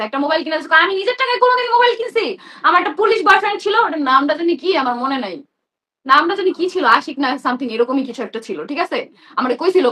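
A woman's voice: high voice, pushed and bright. A young woman, hosting a live stream and ranting in a heated, sarcastic, confrontational way.

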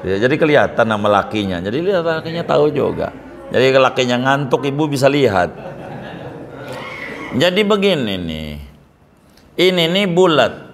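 A man's voice: medium pitch, very animated, moderate pace, long pauses. A middle-aged man preaching a sermon, firing rhetorical questions and joking asides. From Banten, Indonesia. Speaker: Islamic preacher. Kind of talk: sermon to a congregation.

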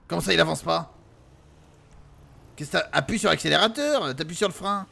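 A man playing his role-play character in a driving game, panicky and quick to swear. His voice sits high and bright, jumping all over the place. There is a gravelly edge and a faint hiss behind it. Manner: excitable, panicky, swears a lot.

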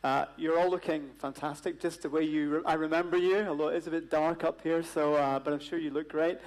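A man's voice: a little high, fairly even intonation, fairly quick, poor audio. Chatty man moderating a conference panel. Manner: chatty, many fillers, jokey asides. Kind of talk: live event moderation. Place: large stage at a conference hall.

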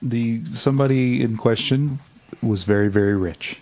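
A man's voice: medium pitch, normal speed, darkish tone. A man talking casually as a player in a tabletop role-playing game.

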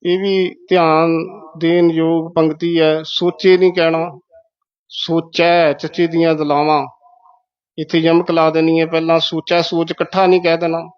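Male recitation teacher, fairly high voice, repeats words slowly, muffled lo-fi sound. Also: little pitch movement, clear, resonant tone. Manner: methodical, repeats words syllable by syllable. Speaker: Gurbani pronunciation teacher. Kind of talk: explaining correct recitation of scripture.

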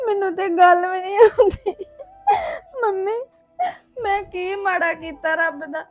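A young woman playing a heartbroken married daughter, pleading and sobbing through her words. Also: very high voice. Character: heartbroken young wife, worn down and despairing. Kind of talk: family drama acting.

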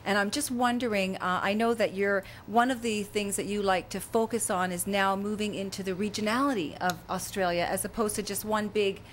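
A woman's voice: mid-range voice, fairly even intonation, brisk, few pauses, a little hiss or hum. A Canadian woman co-hosting a talk show, bubbly and laughing often. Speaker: co-host.

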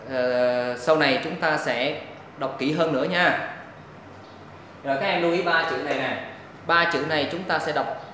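A man teaches pronunciation at an unhurried pace. He patiently repeats each syllable loudly for drilling. The recording is very echoey, with faint noise behind him. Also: fairly high pitch. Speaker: language teacher. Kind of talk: pronunciation lesson.

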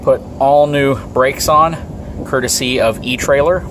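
A man's voice: mid-range voice, fairly even intonation, measured pace. A man hosting a vlog, upbeat and explaining a trailer project to viewers in a large RV service shop. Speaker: channel host. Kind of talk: casual vlog walkthrough. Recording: noisy shop background.

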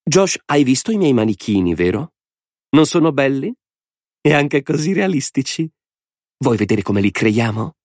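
A man's voice: mid-range voice, very animated, a little slow, darkish tone, dry recording, studio quality, voice pushed up. A man voicing a gleeful, mad male lord in an audiobook, a theatrical villain who talks in a mocking, sing-song, grand way. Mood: gleeful menace. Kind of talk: audiobook character voice.

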